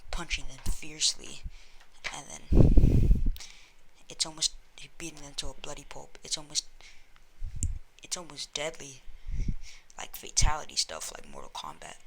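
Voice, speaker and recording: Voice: mid-range voice, big pitch swings, unhurried, gravelly, heavy background noise. A speaker casually retelling a fan story, rambling along in long chains of "and then" with many restarts.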